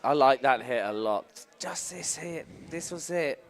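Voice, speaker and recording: A man with a mid-pitched voice co-commenting on a live sports event. He talks through the action in a chatty, musing way, often restarting his sentences. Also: animated, unhurried, soft background music.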